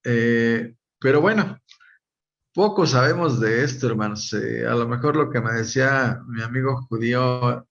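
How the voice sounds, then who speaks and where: A man teaching a Bible study, speaking in a halting way with many pauses and fillers and calling his listeners brothers. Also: mid-range voice, gravelly, highs cut off.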